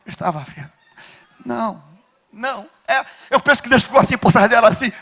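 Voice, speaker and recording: Um pastor de Rio de pregando um sermão com fervor, chamando a congregação a responder e subindo a voz em gritos. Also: male voice, extremely high pitch, animated, brisk, gravelly, husky. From Brazil. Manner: fervent preaching, rising to shouts, call-and-response with the congregation. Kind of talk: sermon. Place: church.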